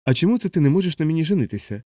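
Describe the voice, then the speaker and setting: A male audiobook reader voicing a quick-tempered young Italian woman, insistent and indignant, in a dry recording. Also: medium pitch, big pitch swings, dark tone, dry recording, lightly acted.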